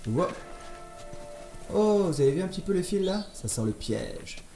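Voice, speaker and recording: Speaking at normal speed, a man with a high-sitting voice and big pitch swings narrates his gameplay as a let's play host. He keeps it casual and playful, cracking jokes to his viewers, while loud game music plays in a roomy space.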